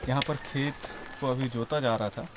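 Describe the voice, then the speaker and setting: A man's voice: mid-range voice, steady tone. A young man, vlogging outdoors in a village. He chats with a curious, easygoing manner, recorded on a handheld phone with faint outdoor noise behind him. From Chhattisgarh, India. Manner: chatty, curious, asks quick questions. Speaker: travel vlogger. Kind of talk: casual walking vlog with interviews. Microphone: phone camera held at arm's length.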